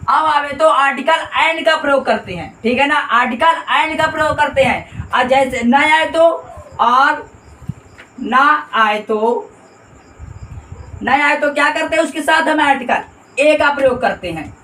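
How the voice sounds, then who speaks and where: A man's voice: very high voice, measured pace, bright, forceful tone, slight background noise. A male grammar teacher explaining a lesson, repeating points and quizzing listeners with constant questions. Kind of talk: classroom explanation. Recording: echoey room, distant mic.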